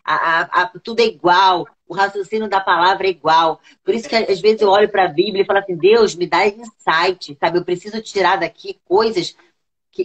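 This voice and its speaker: A woman's voice: mid-range voice, rough recording. A woman host, talking casually and earnestly, with slang, about preaching. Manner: earnest, slangy, acts out her own inner voice. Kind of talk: casual chat.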